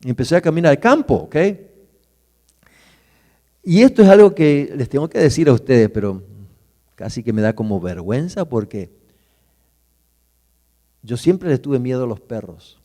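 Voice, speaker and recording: A middle-aged man, preaching as a pastor and telling a personal story vividly, his voice going from loud to hushed. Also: mid-range voice, sing-song, moderate pace, pauses often. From Argentina. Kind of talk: sermon storytelling. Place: church hall. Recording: church hall with long reverb.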